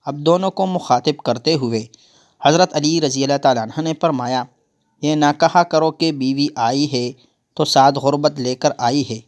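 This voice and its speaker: A man telling a religious story in a steady, earnest narrating voice. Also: on the high side.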